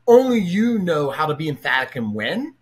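This podcast host is a middle-aged man whose voice runs on the high side and is very animated, moving at a normal speed. He's having a lively, casual interview chat with a guest over a webcam video call from his home office.

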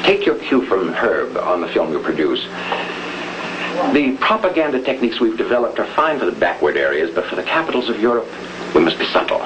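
An American actor playing a calculating older boss in a 1950s television crime drama, speaking with formal, deliberate authority. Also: male voice, on the low side, sing-song. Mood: commanding. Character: commanding, calculating older male boss of a propaganda front. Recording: noisy old 1950s television film soundtrack.

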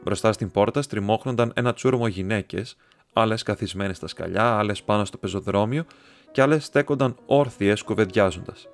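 A man narrating an audiobook in a steady, measured storytelling manner. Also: on the low side. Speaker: audiobook reader. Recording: soft instrumental music underneath.

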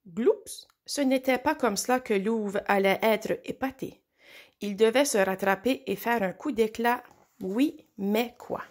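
Expressive woman reading a children's story. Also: a little high. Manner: expressive, with slow dramatic pauses. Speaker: storybook reader. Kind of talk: children's story read aloud.

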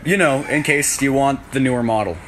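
A man's voice: mid-range voice, brisk, fairly bright tone, a little hiss or hum. A man delivering a comedic list monologue for a short social media video.

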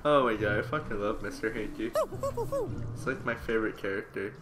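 A man commentating casually on his own video game play, swearing constantly and breaking into excitable outbursts. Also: fairly low pitch, brisk. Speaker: gamer doing a let's play. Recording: commentary over loud game music.

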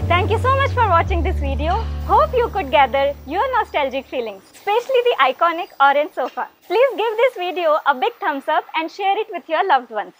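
A woman's voice: extremely high pitch, very animated, brisk, few pauses, soft background music. A woman in her thirties presenting a cheerful, friendly scripted vlog to camera outdoors, filmed from a medium distance. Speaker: travel vlogger. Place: outdoors by plants and pillars.

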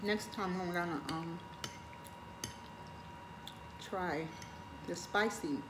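A woman in her forties talking while chewing, chatting casually with fillers as she eats on camera. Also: lowish voice. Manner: unhurried, chatty, trailing off with fillers. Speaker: mukbang vlogger. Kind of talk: casual chat while eating. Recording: echoey room with clear background noise.

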